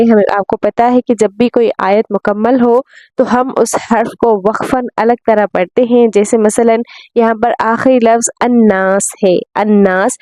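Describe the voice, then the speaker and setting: A woman's voice: on the high side, darkish tone, no echo. A woman teaching Quran recitation rules, patiently spelling out letters and vowel marks and drawing out the recited syllables. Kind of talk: tajweed lesson.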